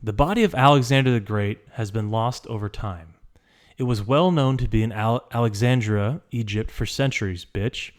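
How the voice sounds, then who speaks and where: A man's voice: mid-range voice, normal speed, close to an everyday voice. A man reading out a listener's letter in a put-on voice as a cocky, foul-mouthed letter writer, with crude, emphatic swearing. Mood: brash.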